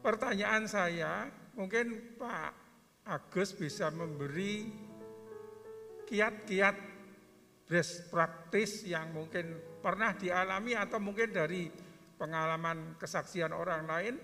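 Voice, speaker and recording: A man attending a church seminar, asking the speaker a deliberate question. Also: sits high, sharp tone. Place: church hall. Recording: long hall reverb with faint music.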